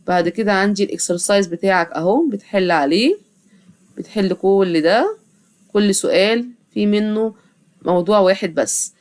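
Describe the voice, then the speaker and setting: A young Egyptian woman gives an English vocabulary lesson for children in an even, mid-pitched voice. She says each word several times, slowly and patiently, so her pupils can repeat it. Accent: Egyptian Arabic. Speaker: English teacher. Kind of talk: vocabulary lesson with drilled repetition.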